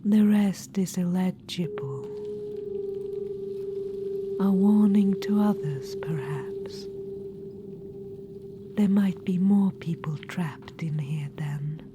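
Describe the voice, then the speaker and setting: Here a woman takes on the role of an ancient undead witch-queen for ASMR, her soft whisper coaxing yet faintly condescending as she addresses the listener as darling. The lowish voice has a sing-song lilt, unhurried and full of pauses, sly in mood, over a noisy background.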